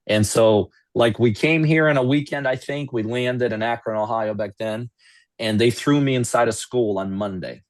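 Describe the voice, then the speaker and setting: A man's voice: medium pitch, normal speed, no echo. Chatty man hosting a webinar. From Russia. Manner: rambling, self-deprecating, laughs often. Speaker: webinar host. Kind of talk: casual webinar chat. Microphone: video call.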